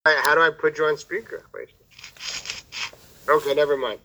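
A man's voice: on the high side, steady tone, normal speed, bright, forceful tone, slight background noise. A man on a phone call studying a text with a partner, asking clarifying questions, heard through a phone speaker. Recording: muffled phone line.

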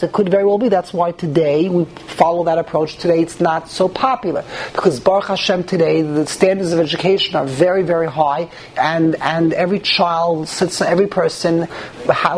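A man's voice: high voice, darkish tone. A man gives an informal religious lecture to a group, repeating phrases and asking rhetorical questions. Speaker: rabbi giving a religious class. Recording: noisy live room recording.

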